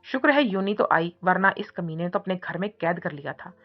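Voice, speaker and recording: A woman voicing a feisty, defiant young heroine who snaps back with quick scolding retorts in an audiobook reading. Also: fairly low pitch, lively intonation. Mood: angry. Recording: muffled recording with soft music.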